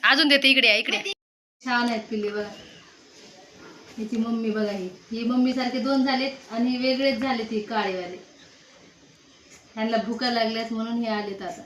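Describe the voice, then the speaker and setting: A woman's voice: a little high, fairly even intonation, moderate pace, pauses often, slight background noise. A woman vlogging casually at home, coaxing animals over with repeated calls.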